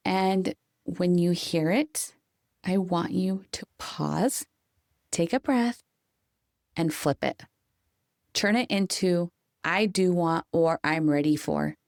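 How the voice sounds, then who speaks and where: A woman with a fairly low voice delivers a calm, coaching motivational monologue as a podcast host. She leans on key phrases, slowing down to stress them. The recording is dry and close. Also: vocal fry, dry recording.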